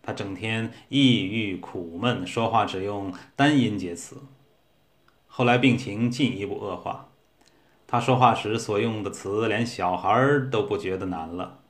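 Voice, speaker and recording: A man narrating a humorous short story in a steady, measured reading. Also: fairly low pitch.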